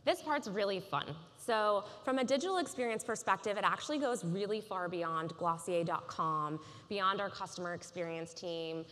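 A woman in her thirties giving a polished, measured conference keynote on a large stage. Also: lowish voice, fairly bright tone. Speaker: keynote speaker. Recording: reverberant conference hall.

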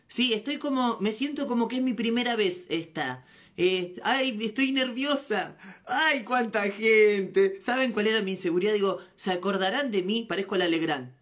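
A woman's voice: medium pitch, normal speed. An Argentine woman hosting a comedy live stream, chatting playfully and teasing as she answers viewer comments. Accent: Argentine Spanish. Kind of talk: casual live-stream chat.

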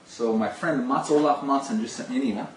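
This clip features a middle-aged male video phone salesman, his mid-range voice moving a little fast as he casually shows off a product and chats on a call, full of gushing enthusiasm. The setting is a small indoor home office. A camera mic a few steps off captures him, so the audio is roomy and distant with some hiss.

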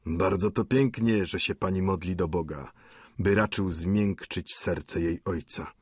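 A husky-voiced man playing a sly, mocking middle-aged lodger in an audiobook, telling gossip with swagger. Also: sits low, measured pace, a little mellow, dry recording, studio quality.

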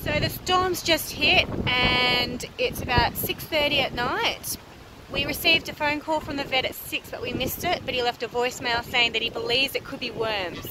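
A woman's voice: sits high, normal speed, music in the background. A woman in her thirties talking casually to a handheld camera about her farm, with lots of fillers and some frustration. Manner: chatty, filler-heavy, frustrated. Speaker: vlogger. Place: car, then outdoors on a rural property. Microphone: handheld camera at arm's length. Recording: noisy car and outdoor background.

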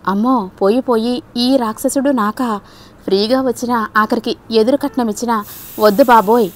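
A mischievous young woman from an audiobook story, teasing her friends with bright, bouncy lines, as a woman reader puts her on. The voice sits fairly high and lifts higher on each joke. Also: moderate pace, lightly acted. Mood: mock fright. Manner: mischievous, lively, pitched up when joking.

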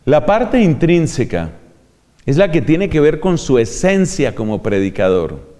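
Man, measured lecturer on preaching, fairly high voice, long hall echo. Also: big pitch swings, mellow. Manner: measured, demonstrates vocal range. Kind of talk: homiletics lecture.

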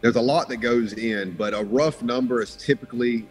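A man's voice: mid-range voice, normal speed, soft background music. A man in his thirties, a business owner joining a radio interview by video call, explaining things in a matter-of-fact way. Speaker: HVAC business owner, guest. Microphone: video call webcam.

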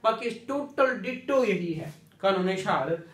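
A law lecturer in his thirties with a Pakistani accent speaks in a high, animated voice at a measured pace. He mixes in English legal terms, repeats key words, and often asks questions to check that students are following. The class is in a small indoor room with a whiteboard, recorded by a distant mic in an echoey space.

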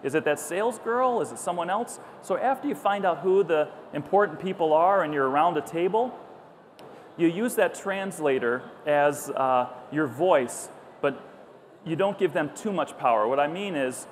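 On a stage in a busy trade show hall, a middle-aged company founder gives a conversational conference talk packed with anecdotes, his fairly high-pitched voice moving at a moderate pace. He tells stories with animation and acts out the dialogue. His clipped lapel mic comes through clearly, with the hall's background noise audible.

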